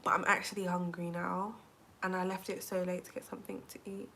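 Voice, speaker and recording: A woman's voice: on the low side, fairly quick, creaky, a little hiss or hum. A woman in her twenties from England, chatting casually to viewers on a phone livestream from home, filling her talk with "like". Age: 20s. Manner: chatty, says "like" constantly, animated. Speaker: vlogger. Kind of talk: casual live-stream chat.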